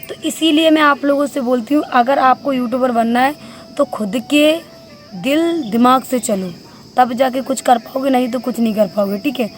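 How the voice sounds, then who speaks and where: A young adult woman, a housewife and vlogger, giving an earnest, heartfelt motivational talk to camera, pleading and repeating herself. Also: high-pitched.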